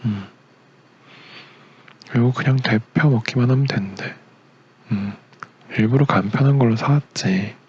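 A young man acting as a gentle, doting boyfriend in a romantic ASMR role-play, a tender leading man with a soothing, murmured, partly whispered delivery. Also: medium pitch, unhurried, long pauses, slightly rough, dull audio. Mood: soft, content. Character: doting, gentle young boyfriend caring for his sick girlfriend.

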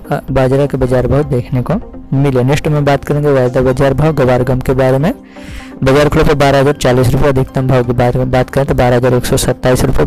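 On a low-quality recording, an Indian male host reads out farm market prices, listing commodities quickly in a repetitive, scripted manner. His voice is medium-pitched with a darkish tone.

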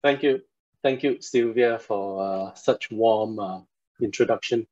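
A man's voice: lowish voice, a little slow, a little mellow. A man in his forties from Singapore, giving an online university lecture, polite and hesitant with many fillers, heard through a computer mic on a video call. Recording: dull lo-fi video call audio.

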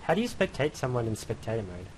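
A man on flight sim voice chat, making quick offhand remarks and questions. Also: big pitch swings, rough recording. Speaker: flight sim squad player. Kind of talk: casual game voice chat. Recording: voice chat over loud engine noise. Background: loud engine rumble.

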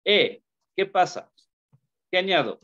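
Hombre profesor de inglés, habla lento. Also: male voice, high voice, animated, fairly bright tone. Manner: slow, repeats questions to students, mixes English into Spanish. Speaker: English teacher. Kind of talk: online class lesson. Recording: dull lo-fi call audio.

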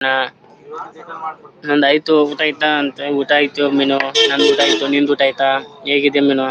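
A man's voice: medium pitch, completely flat delivery, moderate pace, lo-fi sound, a loud crowd. A man hosting a casual live stream. He thanks viewers by name over and over and invites them to join the chat.

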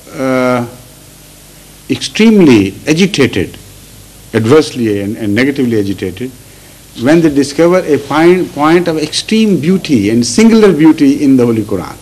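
Middle-aged guy teaching scripture commentary, slow and careful, keeps restarting his phrases. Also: mid-range voice, a little mellow, poor audio. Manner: deliberate, with frequent restarts and repeated words. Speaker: religious teacher. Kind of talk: Quranic commentary lecture.

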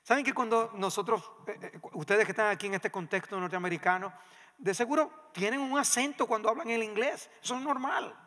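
A male pastor preaching a sermon in a church, emphatic and swinging between loud passages and hushed ones. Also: high voice, a little fast. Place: church sanctuary. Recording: long reverb of a church hall.

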